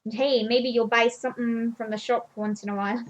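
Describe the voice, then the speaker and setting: A woman reading a game's male fisherman character aloud, with a halting try at a sailor's accent. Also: a little high, steady tone, lightly acted, low-quality recording. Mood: hearty. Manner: hearty sailor greeting, halting attempt at an accent. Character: weathered adult male fisherman back from sea. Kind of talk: voicing game dialogue aloud.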